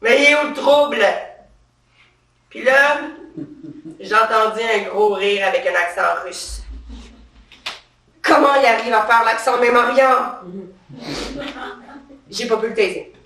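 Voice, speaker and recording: A woman character performer portrays a swaggering, defensive, trigger-happy female cop, touchy and proud of her power, in a satirical stage monologue. Her sharp, tense, high-leaning voice moves slowly with long pauses, picked up from a distance on an echoey theatre stage.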